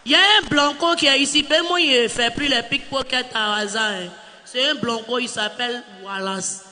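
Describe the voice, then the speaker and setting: A man's voice: extremely high pitch, normal speed, background noise. A man hyping the crowd as stage host, repeating himself and introducing the next act. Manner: hyped, repetitive, shouting into the hall. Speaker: show host. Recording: live hall with long reverb and music.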